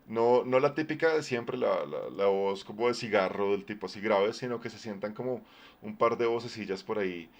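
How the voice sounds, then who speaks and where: A man with a low, deep voice chats casually on a live stream. He talks loosely and conversationally, with plenty of fillers and restarts as he gives advice. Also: lively intonation, moderate pace. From Colombia. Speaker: streamer and game master.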